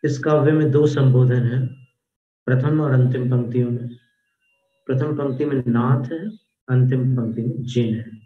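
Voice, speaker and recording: A man teaching a devotional Jain hymn, spelling out sounds slowly and carefully, then chanting verses in a rising melody. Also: mid-range voice, steady tone. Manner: slow, careful pronunciation drills. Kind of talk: devotional recitation lesson. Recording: roomy, dull lo-fi audio.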